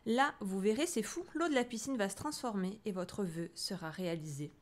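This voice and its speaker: A woman's voice: mid-range voice, lively intonation, normal speed, natural voice. A woman voicing a pompous, vain male lion king in a storybook, speaking like a grand announcer. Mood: showy.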